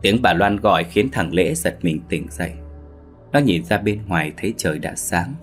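Deep-voiced man narrating a ghost story. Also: lively intonation, normal speed. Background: faint background music.

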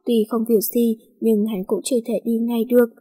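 Role: narrator. Sex: woman. Style: storybook reading, steady and flowing. Sound: fairly high, husky, dry. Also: normal speed, dry recording.

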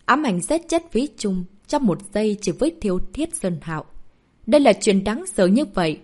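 Reading a martial arts novel aloud for an audiobook, this narrator keeps a moderate pace. Her delivery is expressive, and her pitch rises and falls freely to heighten the drama.

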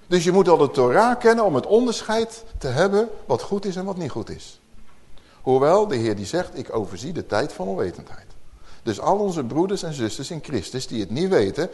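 A man's voice: a little high, darkish tone. A man preaching a sermon in a conversational teaching manner, asking the listeners rhetorical questions.

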